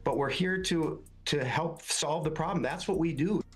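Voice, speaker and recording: A man's voice: on the high side, over a noisy crowd. A man, a mayor, giving an earnest public statement that halts and restarts. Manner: earnest, halting.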